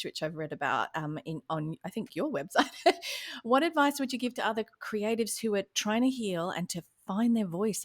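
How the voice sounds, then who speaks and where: A woman hosting a podcast interview, affirming her guest and asking thoughtful questions. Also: fairly low pitch. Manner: affirming, lots of listening murmurs. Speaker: podcast host. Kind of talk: interview conversation.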